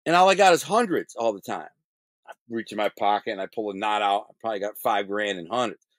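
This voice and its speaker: Animated man spinning a blunt street story. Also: lowish voice, fast talker, no room sound. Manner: animated, acts out other people's lines in the story; blunt street slang with censored swearing. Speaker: guest telling his life story. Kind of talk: casual storytelling.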